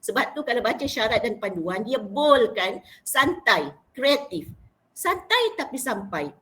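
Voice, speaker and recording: A woman leads an online training session. Her voice sits a little high, and she talks through each point with many fillers, now and then acting out sample lines. The sound comes through a video call. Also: fairly bright tone, slight background noise. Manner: explanatory, demonstrates by acting out lines. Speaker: teacher and trainer. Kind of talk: online teaching talk.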